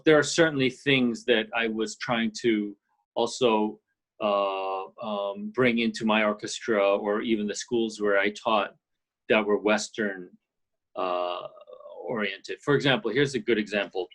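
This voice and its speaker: A man from Canada speaks in a fairly low, steady voice. He is middle-aged and a guest on a video-call interview. His talk is thoughtful and loose, full of fillers and restarts. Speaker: guest, orchestral percussionist. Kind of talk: casual interview chat. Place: ski and golf resort, indoors.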